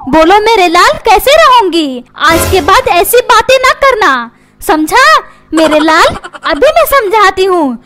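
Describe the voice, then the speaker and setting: A woman's voice: very high voice, expressive, measured pace, noisy background. A woman voicing a dramatic, nagging cartoon mother who complains about her husband.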